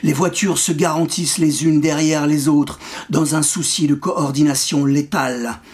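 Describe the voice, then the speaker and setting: A man with a somewhat high voice reads his own poem aloud. His delivery is measured and rhythmic, lingering on the wordplay. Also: steady tone, a little mellow. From France. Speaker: poet. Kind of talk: poetry reading.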